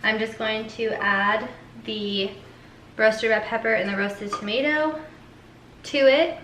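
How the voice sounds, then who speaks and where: Woman, cooking vlogger, casual chatty talk, fillers, bright voice, roomy kitchen echo. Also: on the high side, fairly even intonation, slow pace, a little hiss or hum. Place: home kitchen.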